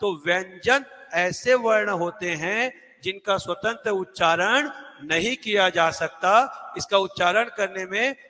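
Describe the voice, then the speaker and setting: A man's voice: high-pitched, a little slow, pushed and bright, in a large hall. A man teaching an exam-prep lesson at a board, asking questions and answering them himself and repeating key words. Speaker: Hindi teacher.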